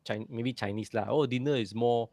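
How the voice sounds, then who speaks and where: A man's voice: medium pitch, moderate pace, darkish tone. Malaysian man with lor-and-lah slang. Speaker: podcast co-host. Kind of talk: casual chat.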